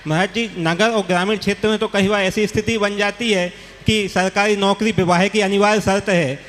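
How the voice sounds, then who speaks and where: A high-pitched man, a questioner at a gathering, earnestly asks a monk for guidance in formal, respectful phrasing. Long reverb from the hall trails his voice. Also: fairly even intonation, fairly quick, a bit bright. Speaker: audience questioner, government officer.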